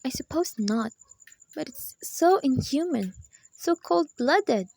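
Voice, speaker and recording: A woman's voice: high voice, lively intonation, slow pace, vocal fry, a little mellow, dry recording, full character voice. A woman playing an anxious, imperious, bedridden wealthy wife in a radio play, speaking in a fretful, insistent way. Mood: worried.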